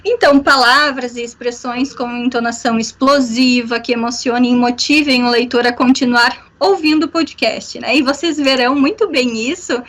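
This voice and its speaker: A woman's voice: sits high, steady tone, normal speed, hardly any pauses, fairly bright tone. A woman giving an online workshop lecture over a video call, explaining step by step with many fillers and a frequent "né?". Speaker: workshop instructor.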